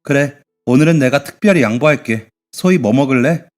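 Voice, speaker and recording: A playful young brother who teases his sister lightly, a touch brighter and louder than plain narration, read by a man. Faint music sits under this radio drama. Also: medium pitch, animated, fairly quick, lightly acted. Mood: teasing. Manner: playful, teasing. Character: teasing young adult brother, soldier on leave.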